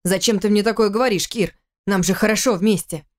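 A woman reading an audiobook, voicing a hot-tempered, jealous young husband in a lowered voice. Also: fairly quick, natural voice. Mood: angry.

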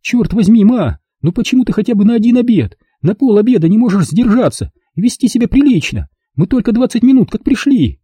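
A man's voice: extremely high pitch, very animated, a little fast, few pauses, husky, no echo, studio quality, pitched above the performer's own voice, exaggerated voice. A man voicing a hot-tempered young woman who lashes out defensively at her mother. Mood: angry. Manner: loud, defensive outbursts.

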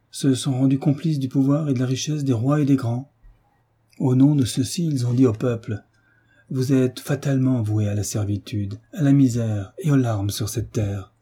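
A man voicing a passionate tutor who preaches with rising fervour, in a dark, husky voice. He speaks like an orator and leans hard into his big words. It is read in an audiobook. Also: medium pitch, natural voice. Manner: impassioned, oratorical. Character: fervent male tutor, middle-aged, idealistic. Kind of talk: audiobook reading.

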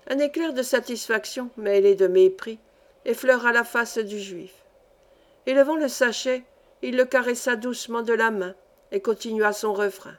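Woman reading a story out loud, steady and expressive, slightly high voice. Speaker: reader. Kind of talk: literary reading of a satirical story.

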